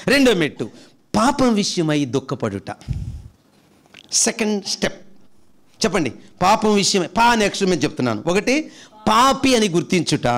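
Animated high-pitched preaching man. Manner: preaches with sudden high-pitched emphatic bursts and drops to hushed low tones; asks the congregation questions and answers them himself. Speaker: pastor. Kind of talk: Telugu sermon.

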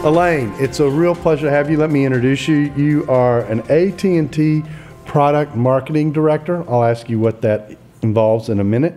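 An older man hosting a podcast interview in a studio, relaxed, with hesitant fillers. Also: a little high, normal speed, soft background music. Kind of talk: interview conversation. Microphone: studio mic on boom arm.

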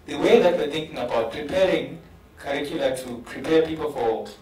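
A man with a fairly high, slightly mellow voice talks a little fast as a panelist at a conference. The professor has a South African English accent and speaks earnestly, repeating words as he builds a point, via a handheld mic recorded distantly in a roomy hall.

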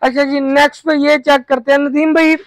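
A young man from Pakistan hosting a market tour vlog with a brisk, upbeat presenter manner, recorded outdoors in a warehouse yard on a lapel mic. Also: extremely high pitch, flat delivery, no room sound. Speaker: vlogger host. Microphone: clip-on lapel mic.

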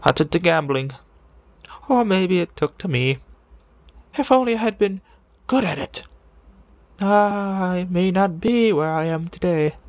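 An amateur voice impressionist plays a deranged serial killer in the mold of a video game villain, confessing with morbid relish. The monologue is theatrical and brooding, full of dramatic pauses. His voice is a little high, and the recording is dry.

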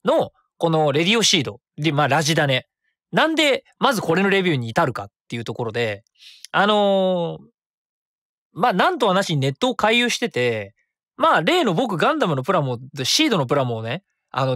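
With a fairly high-pitched voice, a man in his thirties rambles through his solo web radio show, self-correcting frequently and speaking quickly and animatedly. The sound is studio quality, free of echo.

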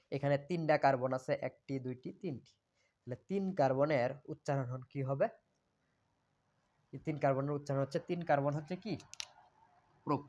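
A man's voice: medium pitch, darkish tone, dull audio. A man teaches a chemistry lesson, asking questions and answering them himself, repeating key terms. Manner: repetitive, asks and answers own questions. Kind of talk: classroom lecture.

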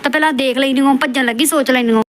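A woman's voice: high-pitched, fairly even intonation, very fast. A woman hosting a roast, scolding and insulting the subject of a clip in a lecturing, scornful way. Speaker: roast channel host. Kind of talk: scolding roast commentary over clips.

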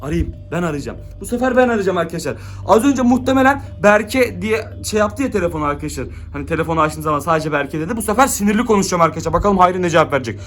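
A man's voice: sits high, animated, very fast, hardly any pauses, fairly bright tone, soft background music. A young man vlogging at home into a handheld camera, frantic and exclaiming, constantly talking to his viewers. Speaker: YouTuber. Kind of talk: staged excited vlog.

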